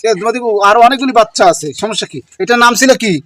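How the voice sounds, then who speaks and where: A woman with a vlogging in a village, teasing and chatting fast while she addresses her viewers. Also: on the high side. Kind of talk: village vlog narration to viewers. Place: outdoors in a village.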